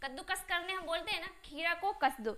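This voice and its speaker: A woman teaching spoken English in Hindi. She keeps asking the class questions and answering them herself, and she slows down to spell out each English phrase. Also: very high voice, sharp tone, slight background noise.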